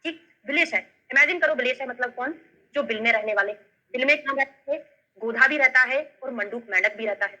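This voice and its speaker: Brisk bright-voiced woman with a Bundelkhandi lilt. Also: high voice, poor audio. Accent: Bundelkhandi Hindi. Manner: explains step by step and keeps checking in with questions. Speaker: Ayurveda tutor. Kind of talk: online lesson with memory tricks.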